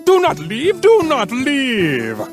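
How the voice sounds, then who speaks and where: A man's voice: mid-range voice, wildly swooping pitch, takes it slowly, faint music behind. An actor playing a pompous old king of a tiny planet, commanding and sputtering in an audiobook drama. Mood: alarmed.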